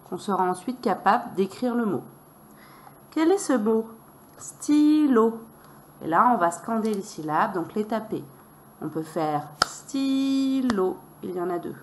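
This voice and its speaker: A woman teacher walking parents through a reading method, sounding out letters and syllables slowly and deliberately. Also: mid-range voice, slight background noise.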